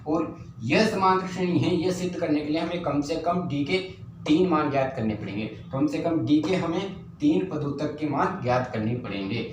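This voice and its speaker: A man's voice: on the high side, moderate pace. A man teaching a math lesson, repeating steps and asking and answering his own questions. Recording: very echoey room, faint ambient noise.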